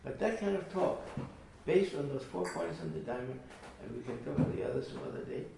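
A man's voice: mid-range voice, expressive, fairly quick, gravelly. A man teaching a small group, earnest and emphatic, often repeating his phrases. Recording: echoey room from far off with faint noise.

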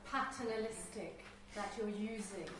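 Soft-spoken woman, far off in an echoey room. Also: medium pitch, steady tone, measured pace, a little hiss or hum. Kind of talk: class discussion.

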